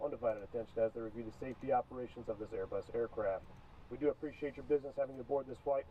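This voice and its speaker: A man as airline captain, giving a formal scripted welcome from the cockpit over the cabin intercom. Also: medium pitch. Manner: formal, rapid, polished delivery. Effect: pilot speaking over the cockpit intercom to the cabin. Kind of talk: scripted cabin announcement from the flight deck. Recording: tinny, distant intercom line with faint hiss.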